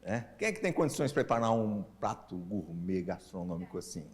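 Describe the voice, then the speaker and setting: With a low voice and a fairly quick pace, a Brazilian man in his sixties gives an informal, animated talk at a Spiritist family-ministry session. His speech is slightly slurred and tongue-tied, full of rhetorical questions and brief tag questions checking on listeners.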